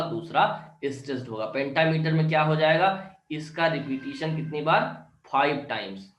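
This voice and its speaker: A man teaching an online English literature class, explaining step by step and often checking "clear?", with Indian-accented English. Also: a little high, roomy sound, dull audio.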